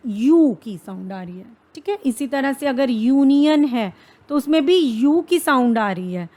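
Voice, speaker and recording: A woman with an Indian accent teaching an exam-prep grammar lesson. She asks questions and answers them herself, mixing English phrases into her explanations and reading English examples deliberately. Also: high voice, lively intonation, dark tone.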